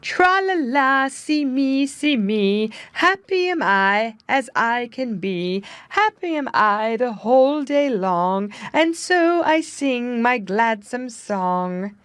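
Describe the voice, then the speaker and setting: A woman's voice: a little high, lively intonation, takes it slowly, few pauses, a bit bright, clear, resonant tone, no echo, pitched above the performer's own voice. A woman voicing a joyful male songbird who chants his lines in sing-song.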